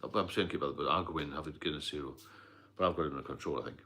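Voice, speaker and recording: With a very deep voice that races along, pushed and bright, this middle-aged British sobriety mentor hosts a loose live stream about staying sober. His talk rambles, full of fillers and coughs.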